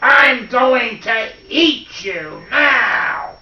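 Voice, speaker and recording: An older man voicing a ravenous giant clay boy who shouts and wails for more food. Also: very high voice, animated, extremely slow, voice pushed up, full character voice. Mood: hungry wailing. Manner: shouting, wailing demands. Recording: roomy, distant, dull home recording.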